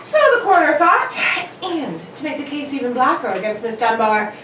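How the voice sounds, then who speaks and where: A woman playing Sherlock Holmes as a cool, incisive gentleman detective in a radio mystery, with a dry, formal, politely cutting manner. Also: sits high, lively intonation, fairly quick. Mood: matter-of-fact. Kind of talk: 1940s radio mystery acting. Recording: roomy, distant, faintly noisy stage recording.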